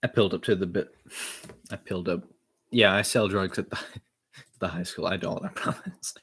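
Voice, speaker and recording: Man with a lowish voice, self-mocking home recorder, laughs a lot, headset mic. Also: normal speed, a bit bright, breathy edge. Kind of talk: casual self-recorded chat between rap takes.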